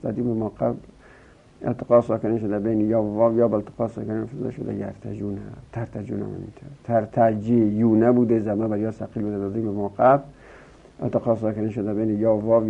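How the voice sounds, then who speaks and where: A man's voice: on the low side, vocal fry, mellow. A man giving a grammar lesson, explaining step by step and chanting verb forms in a rising sing-song. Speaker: teacher. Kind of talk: Arabic grammar lesson in Persian. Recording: tinny phone-like recording.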